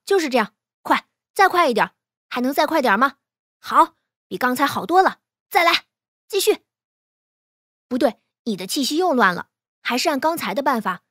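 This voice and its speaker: A woman voicing a playful, easygoing young male swordsman who coaches briskly with teasing encouragement. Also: a little high, no room sound, studio quality.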